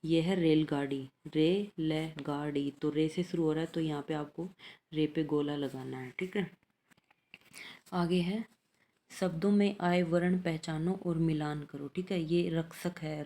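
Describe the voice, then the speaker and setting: With a low, mellow voice, a woman teaches an elementary language lesson, patiently reading out letters and exercises. She checks in with her learners after each point.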